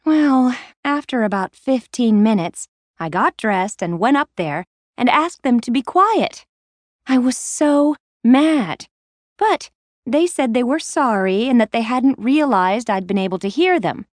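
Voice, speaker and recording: Woman, scripted learner dialogue. Lively, bouncing delivery with a slightly high voice. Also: unhurried, no room sound. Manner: animated, storytelling complaint.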